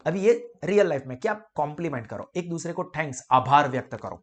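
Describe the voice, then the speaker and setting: A young man giving a casual, animated classroom lecture and acting out little dialogues between people. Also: on the high side, fairly quick. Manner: animated, mixes Hindi, Gujarati and English, acts out little dialogues. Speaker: commerce lecturer.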